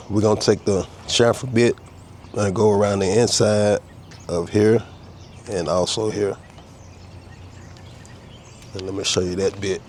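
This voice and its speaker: Working in an outdoor workshop, a custom car restorer with a low voice and a head cold gives a relaxed, step-by-step how-to on a repair. He chats easygoingly while he works, explaining each tool, his voice a little mellow against a faint hiss or hum.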